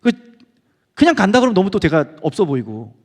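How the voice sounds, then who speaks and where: Middle-aged man, high lively voice, testimony sermon, reverberant church hall. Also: a little fast. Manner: animated storytelling, acting out quoted friends. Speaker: guest speaker. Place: church sanctuary.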